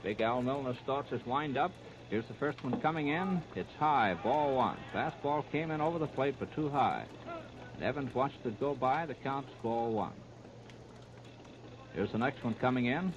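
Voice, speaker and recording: Here an American man does baseball play-by-play in the clipped, continuous style of 1930s radio, sounding animated, medium-pitched, and at normal speed. The 1939 radio disc recording is muffled and heavy with noise.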